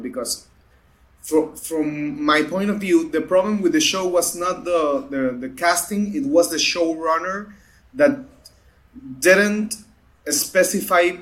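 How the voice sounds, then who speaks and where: A man guests on a casual podcast among friends. His voice sits slightly high, and he talks haltingly, with frequent stops and restarts. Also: a bit bright. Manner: hesitant, full of restarts and fillers.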